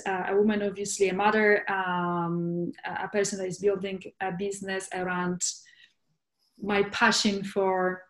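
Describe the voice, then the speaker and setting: A woman from Poland speaks as a guest in a casual interview, searching for her words with frequent fillers and restarts. Her voice sits at a middle pitch and rings in a noticeably echoey room.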